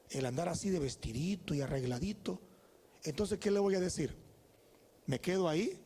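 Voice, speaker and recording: A man's voice: high voice, mellow, slightly rough. A man in his forties with a Salvadoran accent, preaching as a guest pastor, telling personal stories in an emphatic, conversational way and calling out "amén" to the congregation. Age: 40s. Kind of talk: sermon with personal storytelling. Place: church.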